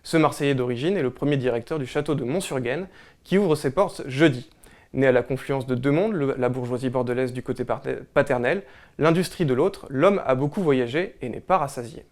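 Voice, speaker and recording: A man hosting a local weekly newspaper show, presenting the issue and then interviewing a guest with hesitant questions. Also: mid-range voice. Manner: brisk read-through, then hesitant questions. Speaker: host.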